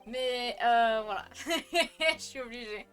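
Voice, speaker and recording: Bright-voiced, giggly woman streamer. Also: a little high, slow, faint music behind. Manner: giggly, effusive, self-deprecating. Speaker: game streamer. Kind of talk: casual live-stream chat.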